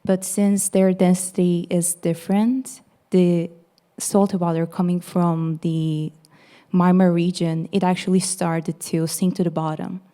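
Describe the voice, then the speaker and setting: A young woman with a Turkish accent explains her project to an audience in a low, mellow voice. She talks earnestly and leans on "actually" as she walks through each step. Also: flat delivery, measured pace. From Turkey. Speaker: master's student presenter. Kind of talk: casual presentation.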